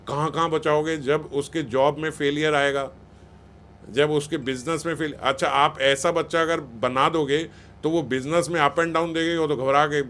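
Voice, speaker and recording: Often mimicking the words of parents and teachers, a spiritual speaker lectures on child-rearing in a chatty, reproachful way. His voice is fairly high and fairly bright, with a slight hiss or hum in the recording.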